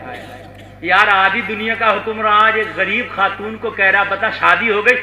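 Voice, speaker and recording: High bright-voiced preacher, echoey hall. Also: male voice. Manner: dramatic, rising to shouts, coaxing the crowd to respond. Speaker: Islamic preacher. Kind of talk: Urdu sermon with storytelling. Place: conference stage before a crowd.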